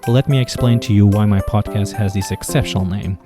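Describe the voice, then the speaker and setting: A man's voice: fairly low pitch, fairly even intonation, brisk, music in the background. A man from Portugal with a Portuguese accent, hosting a podcast interview with an upbeat, scripted welcome. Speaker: podcast host.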